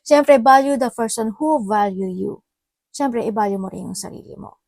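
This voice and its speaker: A woman's voice: a little high, moderate pace, gravelly, a little mellow, no echo, clean studio sound. Chatty Filipino woman reading tarot. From Philippines. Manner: chatty, mixes Tagalog and English, laughs often. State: slightly hoarse voice. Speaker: tarot reader.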